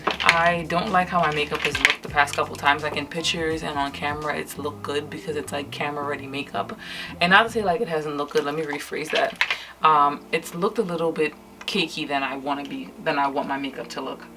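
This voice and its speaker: At night indoors at home, a young woman with a low voice and light Trinidadian accent talks casually to camera as she puts on makeup. She sounds tired and speaks at a moderate pace, often using fillers and starting over. Background noise is present, and she is a vlogger from Trinidad and Tobago.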